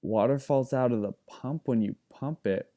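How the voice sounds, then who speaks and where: A man's voice: on the high side, sing-song, unhurried, mellow, voice pushed up, heavily acted. A man reading aloud, voicing a sullen young village boy who speaks without much hope. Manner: sullen, hopeless.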